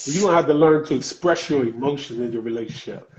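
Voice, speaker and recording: A man hosting a relaxed podcast chat on a live video call, talkative and quick to laugh. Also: mid-range voice, muffled recording. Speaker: podcast host. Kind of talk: casual chat.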